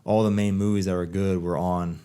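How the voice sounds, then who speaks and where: A young man with a fairly low voice hosts a casual podcast chat. He tells stories in a loose, laid-back way and swears freely. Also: little pitch movement, fairly quick, dark tone, clean tone. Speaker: podcast host.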